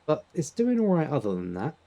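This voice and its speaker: Easygoing British man, dark voice. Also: a little high, huge pitch swings, a little fast. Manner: laid-back, laughs often, clears throat. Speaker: gaming channel host. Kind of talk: casual gameplay chat.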